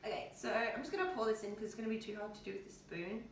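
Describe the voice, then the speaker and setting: In a racing, gravelly, medium-pitched voice with lively intonation, an Australian woman who vlogs about health chats offhandedly in her home kitchen. She sounds tired and in pain, and her talk is colloquial. Open windows, a distant mic and faint noise come with a very echoey kitchen sound.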